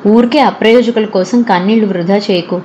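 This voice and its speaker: A dignified, stern older woman, as a female narrator reads her, scolding with firm, measured authority. Her voice sits at an ordinary pitch, read over faint noise for a spoken story. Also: a little mellow, lightly acted, rough recording.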